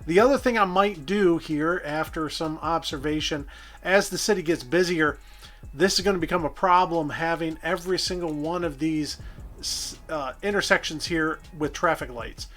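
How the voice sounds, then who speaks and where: A man's voice: on the high side, moderate pace, a bit bright. A man casually narrating his own gameplay, thinking aloud and correcting himself as he goes. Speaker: gameplay commentator. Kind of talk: casual let's-play narration.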